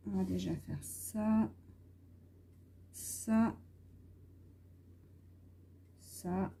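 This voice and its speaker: A woman's voice: mid-range voice, steady tone, drawn-out words, vocal fry, mellow, breathy edge. A woman vlogger chatting casually and hesitantly while she colors, with many fillers. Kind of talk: casual coloring vlog chat.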